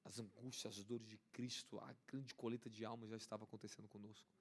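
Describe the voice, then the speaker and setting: A man with a Brazilian Portuguese accent preaching a charismatic sermon as an apostle, fervent and repetitive, rising to excited peaks. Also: on the low side, fast talker, slightly rough.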